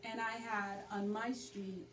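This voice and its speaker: Speaking a little slowly in a mid-range voice, a Haitian-born community organizer in middle age shares her story with an interviewer. Quoting herself brings out an animated side of her narration. The audio has a roomy, distant-mic quality and background noise.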